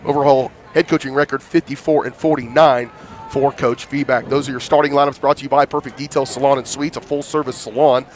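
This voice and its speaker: A man doing live high school football commentary with a thick smoker's rasp, congested from hay fever. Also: fairly even intonation, a little fast, slight background noise. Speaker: play-by-play announcer. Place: outdoor football stadium broadcast.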